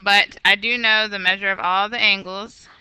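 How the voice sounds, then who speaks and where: A woman's voice: medium pitch, steady tone, moderate pace, pushed and bright, smooth, no room sound, poor audio. A woman teaching a recorded geometry lesson, walking through problems patiently and correcting herself aloud. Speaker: math teacher.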